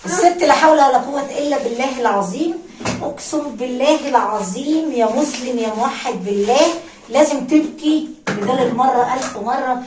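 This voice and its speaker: An Egyptian woman with a slightly high voice rattles off a story in a chatty, fast way. She is some distance from the mic in an echoey room. Running water and clattering dishes sound clearly behind her. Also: background noise. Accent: Egyptian Arabic. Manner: chatty, addresses viewers as sweeties, swears oaths. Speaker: storyteller and vlogger. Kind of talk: casual storytelling while doing housework.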